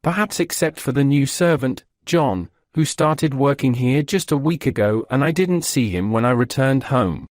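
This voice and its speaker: A man's voice: mid-range voice, lively intonation, normal speed, few pauses, dry recording, clean studio sound, voice pushed up, lightly acted. A man voicing an anxious, tired wealthy homeowner in a storybook reading. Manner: anxious, tense.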